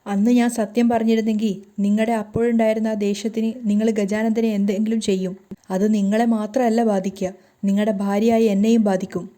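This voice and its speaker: Upset young wife raising her voice at her husband, low dark tone, woman reading her lines. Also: level tone, fairly quick, natural voice. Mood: reproachful. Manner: loud, reproachful, pleading. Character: hurt young wife confronting her hot-tempered husband.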